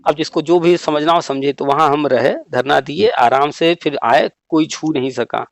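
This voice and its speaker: Male host, higher voice, insistent and repetitive, dry sound. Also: normal speed, creaky, no room sound. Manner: emphatic, repetitive urging. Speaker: channel host. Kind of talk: phone call chat.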